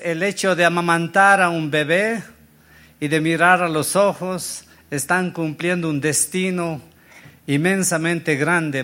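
A man's voice: a little high, sharp tone. A man preaching a sermon to his church, telling a story in an earnest way and often correcting himself mid-sentence. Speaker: pastor.

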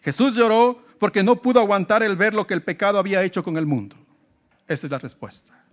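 High-voiced, emphatic male preacher. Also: fast. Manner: emphatic preaching with rhetorical questions; swings between loud exclamations and quiet asides. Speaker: pastor. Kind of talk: sermon.

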